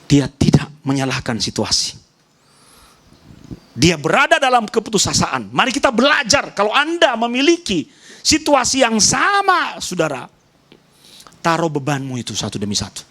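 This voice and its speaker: Male pastor, high voice, emphatic sermon delivery, loud calls dropping to hushed asides, repeats key phrases. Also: wildly swooping pitch, normal speed. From Nias, Indonesia. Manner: emphatic preaching that swings between loud high calls and soft low asides; repeats short phrases and speaks straight to the congregation.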